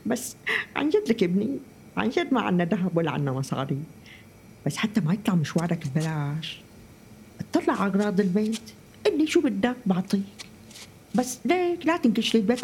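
A woman's voice: medium pitch, darkish tone, slight background noise. A woman with a Syrian accent playing a lonely, talkative elderly mother in a drama. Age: older. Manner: talkative, tender, emotional. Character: lonely elderly mother, warm, chatty, wistful. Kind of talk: scripted drama acting.

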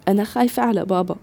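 A woman's voice: medium pitch, gravelly, a bit bright. A woman playing a frightened sick young woman who laughs nervously and pleads. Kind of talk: domestic drama acting.

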